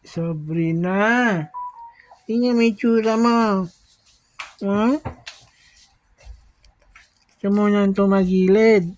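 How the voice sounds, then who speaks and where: Woman, unhurried speech, cooing, coaxing, encouraging a baby, casual home video. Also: medium pitch, warm tone, poor audio. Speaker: parent filming a baby.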